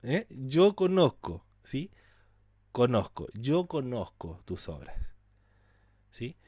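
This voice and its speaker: A man's voice: mid-range voice, sing-song, slow, dark tone, breathy edge, dry recording, studio quality. A man teaching a scripture class, asking his listeners rhetorical questions and acting out quoted speech with drama. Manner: asks rhetorical questions and addresses the class directly. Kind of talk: lecture on scripture.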